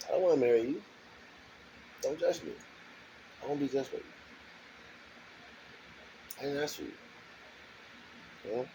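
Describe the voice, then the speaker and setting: A man's voice: mid-range voice, animated, a little slow, long pauses, mellow, slight background noise, poor audio. A man talking alone in a garage in a rambling, defensive monologue, circling back to the same points and checking in with the listener again and again. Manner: defensive, repetitive, keeps asking "you know what I'm saying". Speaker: vlogger.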